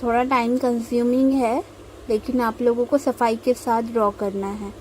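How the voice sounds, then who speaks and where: A young woman from India talks through a tutorial in a calm, unhurried voice-over, pausing often as she explains each step. Her voice sits a little high but sounds mellow and warm rather than bright. A faint hiss runs underneath. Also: rough recording. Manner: slow, patient explaining with frequent pauses. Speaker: mehndi tutorial host. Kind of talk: instructional voice-over while drawing.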